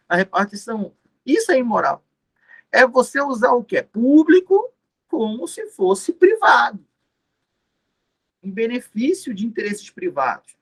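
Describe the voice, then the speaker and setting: A man's voice: extremely high pitch, fairly bright tone. A man giving an exam-prep law lecture, explaining step by step, repeating key terms and answering his own questions. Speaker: law teacher.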